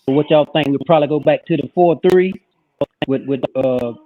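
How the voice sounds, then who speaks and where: A man's voice: a little high, fairly quick, phone-quality sound, slight background noise. A man calling into a casual football chat over a video call with a shaky connection, often repeating and stammering his words. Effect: joining remotely on a video call with a shaky connection. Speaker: football podcast panelist.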